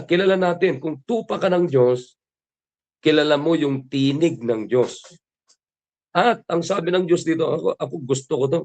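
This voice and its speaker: A man's voice: a little high, darkish tone. A man with a Filipino accent preaching a morning devotion sermon, who asks his listeners question after question and quotes scripture in English. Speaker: pastor.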